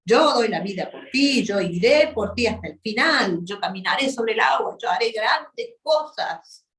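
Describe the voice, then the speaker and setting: A woman preaching to a women's gathering voices the apostle Peter as an impulsive, emotional man who swings between loud boasting and defeat. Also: mid-range voice, a little slow, roomy sound, lightly acted. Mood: boastful.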